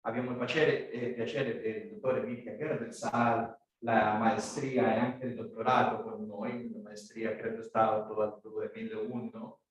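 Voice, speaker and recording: A native Spanish-speaking man with a Spanish accent gives a conference address as guest speaker, haltingly searching for words in a language not his own. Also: lowish voice, little pitch movement. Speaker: guest speaker, maritime law institute director. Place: echoey conference room. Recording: very echoey room, distant microphone.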